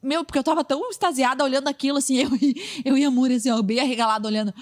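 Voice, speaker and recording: A woman's voice: high voice, racing. A young Brazilian woman, a podcast host and preacher, telling a story in casual chat and acting out what others said. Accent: Brazilian Portuguese. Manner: lively, acts out what others said.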